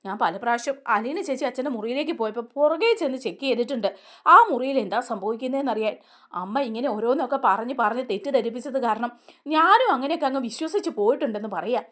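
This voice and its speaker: A woman's voice: on the high side, animated, quick pace, fairly bright tone. A woman reading a regretful young sister. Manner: regretful, confessing.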